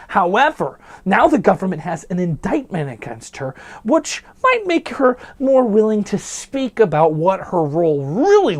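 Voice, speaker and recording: A man hosting a news commentary show, delivering headlines with snarky, jokey asides. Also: sits high.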